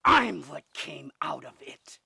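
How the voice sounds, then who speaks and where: An actor playing a volatile film director who stammers and bursts into shouting. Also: male voice, a little high, very animated, slow, gravelly, slightly rough, no room sound, exaggerated voice. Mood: bitter.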